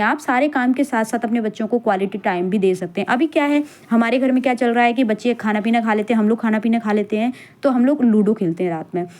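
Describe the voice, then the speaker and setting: A woman's voice: on the high side, a little mellow. A woman in her thirties, a working mother and vlogger, talking casually and earnestly to viewers with many fillers as she gives advice. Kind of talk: casual voice-over chat with viewers.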